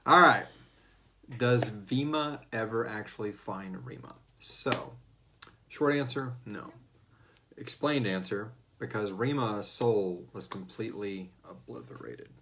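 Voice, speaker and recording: Over a noisy background, a man with a voice on the low side speaks slowly. As host of a fan Q&A show, he responds to listener questions in relaxed chat that's jokey and profane.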